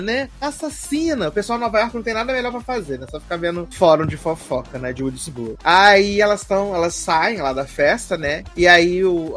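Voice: mid-range voice, a bit bright. A podcast host in casual chat, animatedly retelling a film plot and acting out the characters' lines.

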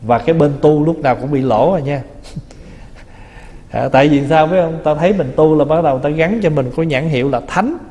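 A man's voice: on the high side, brisk, warm tone. A man, a Buddhist monk, giving a conversational dharma talk, teasing and acting out little quoted remarks. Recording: long reverb of a hall.

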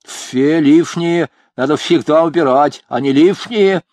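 A man's voice: fairly high pitch, unhurried, a little mellow, no echo, studio quality, voice pushed up, lightly acted. A man voicing a decrepit, drowsy old male ruler who lisps and mumbles with a slurred, toothless tongue. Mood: mumbling. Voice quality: lisping, mumbling slurred speech.

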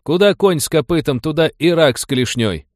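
A man voicing an arrogant, hot-tempered young nobleman among cossacks, shouting sneering insults in an audiobook. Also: a little high, expressive, brisk, dry recording, studio quality, voice pushed up, natural voice.

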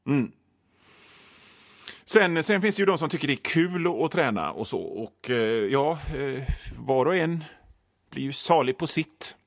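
A man spins a wry comic monologue, making it up as he goes. His fairly high voice leaps up and down in pitch, and the recording is dry and close with no room sound. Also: no room sound. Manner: improvised, animated, wry storytelling.

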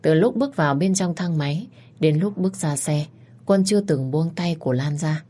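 A woman narrating a romance story as a storyteller, in a steady, even manner. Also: deep voice, normal speed.

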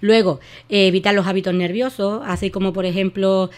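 A woman's voice: mid-range voice, fairly even intonation, brisk, clear, resonant tone. Woman on radio explaining voice care, lots of eh and restarts. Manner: explanatory, many fillers and restarts. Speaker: voice therapist guest. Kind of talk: radio interview advice.

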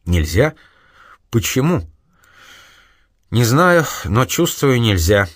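A man's voice: medium pitch, sing-song, slow, a bit bright, dry recording, clean studio sound, heavily acted. A man reading an audiobook, voicing a sincere, naive young man who has lost his memory, speaking hesitantly. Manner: hesitant, earnest.

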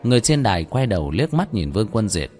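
A man narrating a dramatic horror story in an expressive, lively way. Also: fairly low pitch, fast talker, breathy edge. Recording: faint background music.

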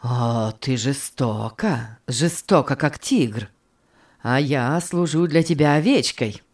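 A woman's voice: a bass voice, animated, slow pace, darkish tone, exaggerated voice. A woman voicing an anguished married man begging his young lover to take him back, in a read-aloud story. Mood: pleading. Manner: pleading, wheedling.

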